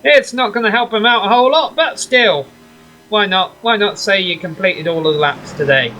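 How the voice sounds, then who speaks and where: A man's voice: high voice, normal speed, pushed and bright, soft background music, rough recording. A man calling a sim racing broadcast as play-by-play commentator, chatty with wry asides. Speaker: race commentator.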